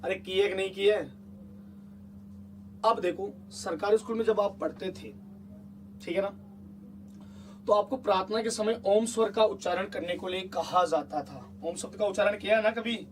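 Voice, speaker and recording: Male teacher with a high voice, chatty exam-prep lesson, keeps checking the class, mic a bit distant. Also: moderate pace, long pauses, a little hiss or hum. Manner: chatty, coaxing, asks the class repeated check questions.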